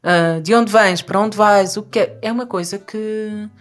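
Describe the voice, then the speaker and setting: A woman's voice: mid-range voice, steady tone, normal speed. A woman from Portugal, talking animatedly as a guest in a conversation, often restarting and laughing. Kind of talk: conversational discussion.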